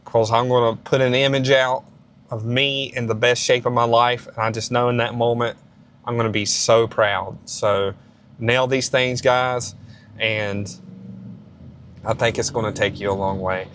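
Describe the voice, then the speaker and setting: A man's voice: mid-range voice, fairly even intonation, a little slow, fairly bright tone. A man in his late thirties hosting a fitness vlog, giving beginner lifting advice in a casual, rambling and encouraging way, with many restarts and fillers. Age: 30s. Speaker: fitness channel host.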